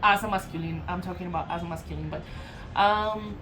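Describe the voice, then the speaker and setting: Talking briskly in a lowish voice, a Colombian woman with a Colombian Spanish accent gives a loose, informal channeled tarot reading full of fillers, self-corrections, and soft laughs. A noisy background sits behind her.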